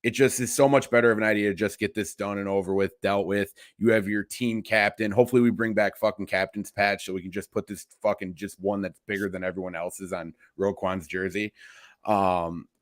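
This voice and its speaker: Young male co-host, lowish voice, dry close sound, emphatic and sweary. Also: steady tone, a little fast, no room sound. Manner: emphatic, profane. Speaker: podcast co-host. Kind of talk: casual sports podcast chat.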